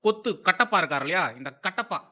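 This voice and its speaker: A man's voice: sits high, animated, quick pace, bright, forceful tone. A man hosting political commentary, mocking and sarcastic, who repeats phrases for emphasis.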